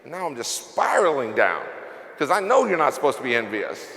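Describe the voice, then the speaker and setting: A man's voice: mid-range voice, sing-song, brisk, gravelly, fairly bright tone. A man giving a confessional motivational speech at a convention, fighting back tears as he speaks. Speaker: company executive giving closing remarks. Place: large convention hall. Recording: echoey hall reverb.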